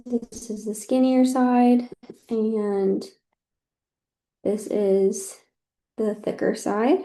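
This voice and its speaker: A woman's voice: a little high, flat delivery, extremely slow, warm tone. A heavily pregnant woman, out of breath, giving an informal student presentation in a conversational, apologetic way. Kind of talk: informal design project presentation.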